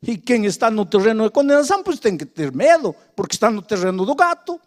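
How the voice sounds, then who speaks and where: An older male preacher giving a sermon, moving from loud, impassioned exhortation to quiet, hushed storytelling. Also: sits high, big pitch swings, fast talker.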